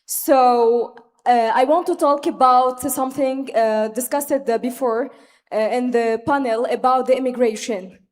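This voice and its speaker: A young woman from Tunisia, a native Arabic speaker with a Tunisian accent, speaks haltingly and earnestly from the floor. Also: fairly high pitch, darkish tone. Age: young adult. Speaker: audience speaker at a youth forum. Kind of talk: impromptu speech from the floor. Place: conference hall, microphone from the floor. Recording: echoing large hall with long reverb.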